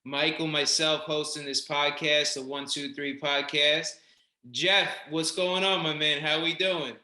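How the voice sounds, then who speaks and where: Bright-voiced podcast host in an echoey room. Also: male voice, a little high, flat delivery, measured pace. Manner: effusive, slangy praise. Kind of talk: casual interview.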